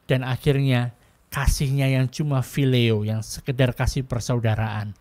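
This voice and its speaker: A man's voice: medium pitch, flat delivery, unhurried, a little mellow. Earnest male preacher. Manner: earnest storytelling, acting out the dialogue. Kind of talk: sermon.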